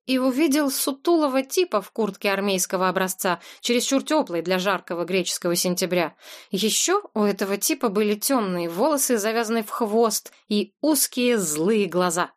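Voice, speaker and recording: A woman reads an adventure story aloud as an audiobook narrator. Her telling is expressive and scripted. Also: mid-range voice.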